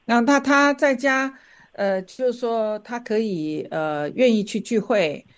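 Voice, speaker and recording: A woman from a church asking short, gentle questions to draw out a member's story. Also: a little high, unhurried. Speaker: church counselor interviewing. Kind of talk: pastoral conversation.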